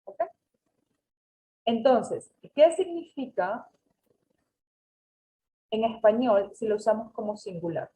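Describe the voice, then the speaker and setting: A woman's voice: fairly high pitch, expressive, takes it slowly, long pauses, dark tone, a little hiss or hum, poor audio. A woman teaching an English class over a video call, patiently correcting students and mixing with English. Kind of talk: online class instruction.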